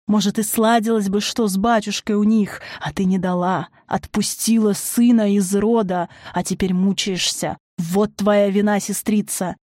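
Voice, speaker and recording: A woman voicing a weak, tired old woman who speaks quietly and wheezes, in an audiobook. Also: medium pitch, no echo, clean studio sound, natural voice.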